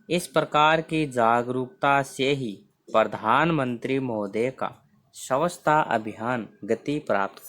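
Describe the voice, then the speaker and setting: A man's voice: mid-range voice, fairly bright tone. A man teaching a textbook lesson, reading each line and then explaining it word by word, often repeating phrases. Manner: reads lines then explains them word by word.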